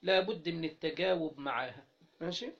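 Speaking with an Egyptian Arabic accent and a fairly high pitch, a man teaches Arabic grammar interactively. He has students finish his sentences and lingers slowly over example words. The sound is dull and lo-fi.

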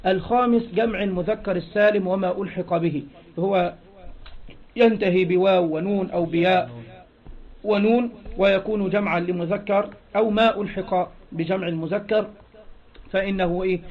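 High-voiced man teaching Arabic grammar. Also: fairly even intonation. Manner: asks rhetorical questions and answers them, repeats key phrases; reads quoted text louder and slower. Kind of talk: classroom lecture explaining a text. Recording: dull lo-fi recording.

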